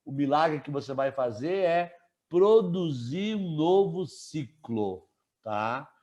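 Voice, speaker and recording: A man teaching a live online class, relaxed and chatty, asking students questions and joking with them. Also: fairly high pitch, slow.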